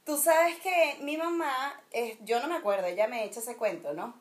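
A woman's voice: on the high side, normal speed. A woman from Venezuela with a Venezuelan accent, chatting casually in a frank, opinionated and slangy way. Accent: Venezuelan Spanish. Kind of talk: casual chat.

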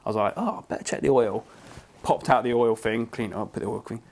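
A young English man co-hosting a podcast, telling a story in a casual, animated way and swearing freely. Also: medium pitch, fast talker, gravelly. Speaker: podcast co-host.

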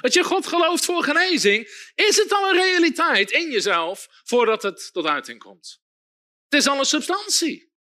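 Man, sermon, bright ringing voice, lively swinging pitch. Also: moderate pace. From Netherlands. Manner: emphatic, repetitive, calls for amens. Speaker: preacher.

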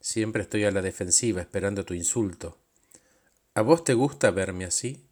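A man's voice: lowish voice, moderate pace, darkish tone, natural voice. A man doing a worn-out, defensive superhero with a Rioplatense accent. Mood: pleading. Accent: Rioplatense Spanish. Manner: pleading, hesitant. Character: beaten-down, defensive male superhero, hunched and weary.

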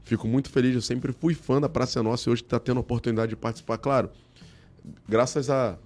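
A man's voice: mid-range voice, fast talker, faint music behind. A man with a Brazilian Portuguese accent from Rio, telling anecdotes in slangy, casual chat as an interview guest. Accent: Brazilian Portuguese, Rio de Janeiro. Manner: slangy, animated storytelling. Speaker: guest, celebrity look-alike and comedy performer.

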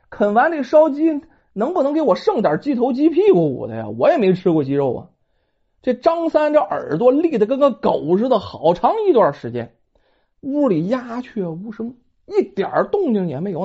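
A woman's voice: mid-range voice, warm tone, breathy edge. A woman telling a folk tale in a dramatic, colloquial storytelling manner, in a dull lo-fi recording.

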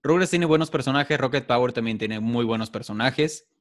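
A man's voice: mid-range voice, moderate pace. Easygoing man hosting. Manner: relaxed, rambling, leads topics. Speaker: podcast host. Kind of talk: casual chat.

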